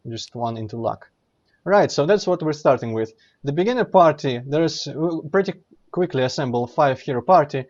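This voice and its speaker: A man's voice: medium pitch, darkish tone, lo-fi sound. A man giving casual let's play commentary, explaining things in a rambling way and often correcting himself mid-sentence. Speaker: streamer playing and commenting.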